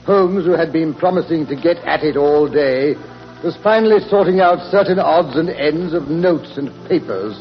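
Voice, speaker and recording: An actor playing a genial, fussy older English doctor who narrates and bickers in 1940s radio drama style. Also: male voice, fairly high pitch, normal speed, faint music behind, lightly acted. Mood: genial storytelling. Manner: avuncular, fussy, indignant when teased. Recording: muffled, noisy old 1940s radio recording.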